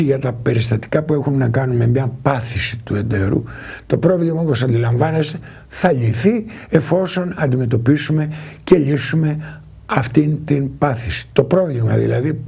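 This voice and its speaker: A man speaking as a doctor on a health talk, in a very husky voice with a gravelly edge. He explains step by step and in a measured way, turning to the viewers with their likely questions. The voice sits dark and mellow. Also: mid-range voice.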